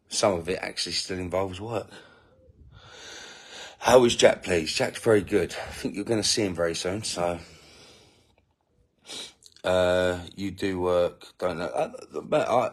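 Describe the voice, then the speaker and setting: Low-voiced man chatting on a live stream. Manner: rambling, self-interrupting, indignant asides. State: feeding a baby while talking. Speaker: family channel host reading live comments. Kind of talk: casual live-stream chat.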